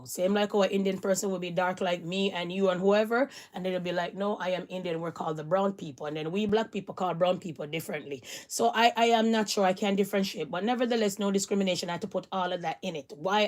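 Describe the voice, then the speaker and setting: Chatty woman hosting a live stream. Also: mid-range voice. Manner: chatty, rambling, repeats allegedly. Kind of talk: casual news commentary.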